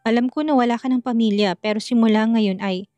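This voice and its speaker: A woman's voice: a little high, steady tone, a little fast, mellow, dry recording, dull audio, close to an everyday voice. A woman voicing a stern but caring older mother-in-law in a narrated story, firm and scolding yet tender. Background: faint music.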